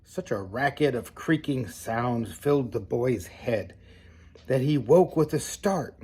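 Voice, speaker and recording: An older man reads a children's storybook aloud the way a grandfather would, phrasing things expressively and deliberately and dropping in casual asides. His voice is medium in pitch with a breathy edge.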